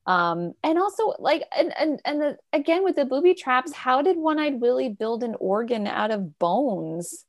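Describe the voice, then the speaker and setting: A woman co-hosting a casual movie podcast, rambling with halting restarts and bursts of excitement. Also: high voice. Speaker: podcast co-host. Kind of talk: casual chat about a movie.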